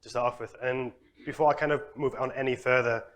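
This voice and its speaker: A young man from Newcastle, giving a relaxed, chatty conference talk as a researcher. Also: medium pitch, fast. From Newcastle, England. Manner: relaxed, chatty, self-deprecating. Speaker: exercise physiology researcher. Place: conference hall.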